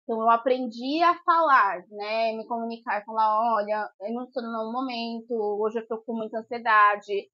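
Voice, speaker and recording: A woman in her thirties chats casually on a podcast, her voice sitting high. She tells stories with energy, acting out what people said. The sound is dry and somewhat dull. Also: moderate pace, hardly any pauses, dry recording. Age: 30s. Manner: animated storytelling, acts out quotes with rising pitch. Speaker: podcast co-host. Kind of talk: casual chat.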